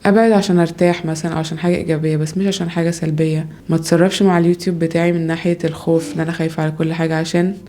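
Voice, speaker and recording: A young Egyptian woman talks at a rapid clip in a rambling, self-doubting monologue at home. Her voice sits low and mellow and barely rises or falls. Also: flat delivery. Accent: Egyptian Arabic. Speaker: podcaster, mother. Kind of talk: casual personal monologue.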